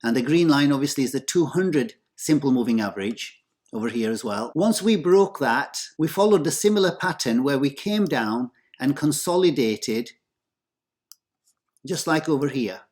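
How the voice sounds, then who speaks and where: A man hosting his own commentary video, speaking in a measured, earnest presenter manner. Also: medium pitch, animated, a little mellow. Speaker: host of a crypto market commentary channel.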